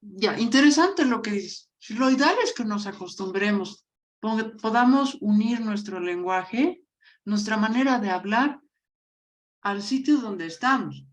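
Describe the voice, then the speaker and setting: A woman's voice: mid-range voice, lively intonation, a little slow. A woman teacher from La Paz with a Bolivian accent, explaining a lesson and calling on students by name. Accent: Bolivian Spanish (La Paz).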